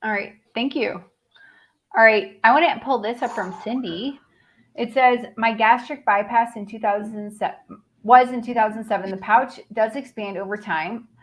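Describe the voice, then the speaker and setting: A woman's voice: a little high, normal speed. A woman hosts a casual group video chat in a blunt, profane way. She reads viewer questions aloud and answers them plainly. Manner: blunt and profane, then sympathetic. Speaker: host.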